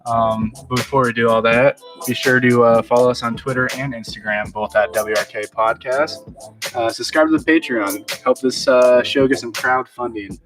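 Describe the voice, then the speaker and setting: A man's voice: mid-range voice, steady tone, moderate pace, hardly any pauses, distant mic. A man hosting a casual podcast, laid-back and joking, with lots of fillers. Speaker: podcast host. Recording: off-mic voice with clear music behind.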